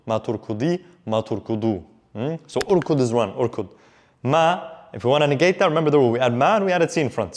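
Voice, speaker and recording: A man with a Levantine Arabic accent teaching in a casual, informal way, switching between English and Arabic example phrases and repeating them. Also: mid-range voice. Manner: informal, repeats example phrases, checks in with short tag questions.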